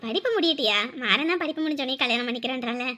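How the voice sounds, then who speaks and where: A woman playing a fussy, warmly scolding mother figure in a family drama. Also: high voice, animated, racing. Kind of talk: dubbed family serial drama.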